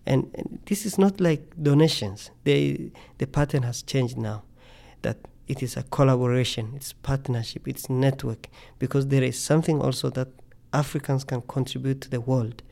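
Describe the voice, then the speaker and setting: A man's voice: mid-range voice, moderate pace, gravelly, few pauses, warm tone. A middle-aged man from Tanzania, a scientist guest speaking earnestly in a podcast interview, often repeating words as he thinks.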